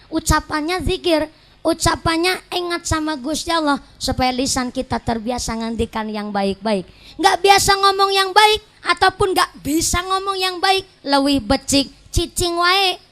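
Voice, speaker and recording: A woman preacher with a Banyumasan ngapak accent, giving a humorous sermon to a congregation and telling lively stories. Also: sits high. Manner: lively storytelling, mimics voices and mixes local dialects for jokes. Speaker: female Islamic preacher.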